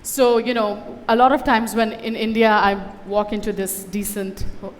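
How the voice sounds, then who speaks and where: A conference speaker who grew up in Dubai delivers a personal, conversational talk onstage, peppered with wit and wry asides. Her medium-pitched voice holds a steady tone at a moderate pace, with a big-room sound and a little hiss or hum.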